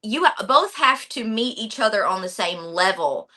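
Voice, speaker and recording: A woman in a casual interview chat, telling stories in an animated way and acting out quotes. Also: medium pitch, normal speed. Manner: animated storyteller, acts out quotes. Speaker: wrestling announcer, interview guest.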